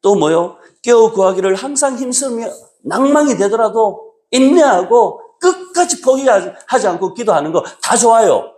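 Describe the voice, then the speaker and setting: A male pastor preaching a sermon, moving between raised exhortation and quiet low asides. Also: sing-song, moderate pace, few pauses. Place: church sanctuary.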